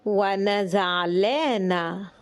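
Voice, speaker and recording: This is a woman teaching her language, with an Egyptian Arabic accent. She speaks at an extremely slow, deliberate pace and keeps her pitch in the middle range for a woman. She says each short phrase twice, then gives it in English. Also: smooth. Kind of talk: slow phrase drill for learners.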